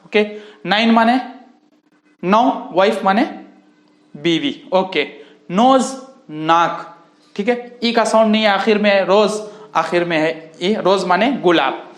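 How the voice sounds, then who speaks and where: Man, English teacher, unhurried explaining, echoey room. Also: high voice. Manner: slow and explaining, repeating words with frequent "okay" and "friends". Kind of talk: spoken phonics lesson.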